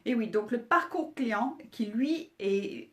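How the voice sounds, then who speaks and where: A woman's voice: a little high, expressive, takes it slowly. A woman with a French accent hosting a casual business talk, chatty, with many hesitations and restarts. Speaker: host.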